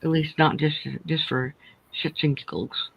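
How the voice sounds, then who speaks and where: A woman's voice: deep voice, steady tone, a little slow, creaky, slightly rough, highs cut off. A woman hosting a casual crochet livestream, chatting in a rambling way, speaking without her teeth in. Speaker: host of a crochet chat livestream.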